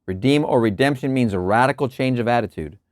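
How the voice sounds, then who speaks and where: A man with an ordinary mid-range voice reads lecture passages slowly and deliberately. He drops into casual asides and small chuckles between readings. The sound is dry and close. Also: mid-range voice, a little mellow, no room sound. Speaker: host reading and explaining lectures. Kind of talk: reading aloud with casual commentary.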